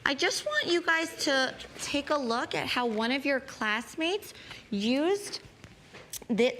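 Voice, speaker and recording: A woman's voice: high-pitched, fairly bright tone, a little hiss or hum. A woman teaching a fourth grade writing lesson, encouraging and calling students sweetie. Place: classroom with students around. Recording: chatter of a busy classroom.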